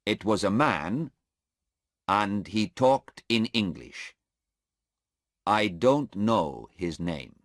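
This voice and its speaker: A man's voice: fairly low pitch, expressive, drawn-out words, long pauses, no room sound, studio quality, voice pushed up, exaggerated voice. A man voicing a hesitant, deferential male airport policeman in a story read aloud, testifying in court. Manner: hesitant and deferential, says sir.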